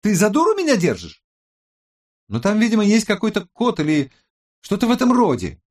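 A man voicing a sharp-tongued, touchy young woman hacker in an audiobook, raised high above his own voice. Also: animated, moderate pace, lightly acted. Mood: snapping. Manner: snappy, defensive. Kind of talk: audiobook character voice.

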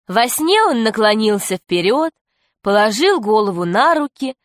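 A woman narrating a children's story for an audiobook, telling it in a steady, clear way. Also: fairly high pitch, measured pace, dry recording, studio quality.

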